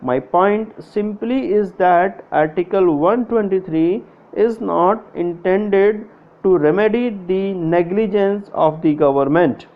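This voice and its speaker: Slow, high-pitched man dictating. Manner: measured dictation in short, separated phrases. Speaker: shorthand dictation reader. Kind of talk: dictating a formal parliamentary speech. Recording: narrow, phone-like lo-fi sound.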